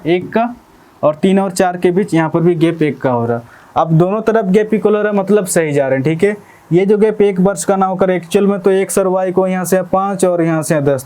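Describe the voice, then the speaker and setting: Maths teacher, high but mellow voice. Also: male voice. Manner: explains step by step, repeats phrases, asks "ठीक है?" often. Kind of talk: exam-prep maths lesson.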